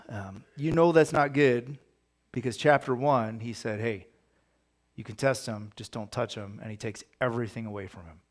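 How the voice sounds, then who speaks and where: A man's voice: mid-range voice, creaky. A man leading a casual Bible study, talking conversationally and reading scripture aloud with emphasis. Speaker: pastor.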